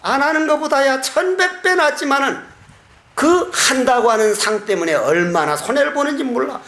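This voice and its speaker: High-voiced monk preaching in an echoey hall. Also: male voice, expressive, a bit bright. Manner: folksy and humorous, chuckling, with drawn-out chanted phrases. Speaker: Buddhist monk giving a dharma talk. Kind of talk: sermon.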